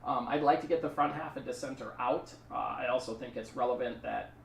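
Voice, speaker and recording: A man's voice: medium pitch, a little fast, echoey room, recorded from a distance, a little hiss or hum. A man streaming a card game, talking through his plays in a rambling, chatty way and thanking subscribers. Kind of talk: casual live-stream commentary.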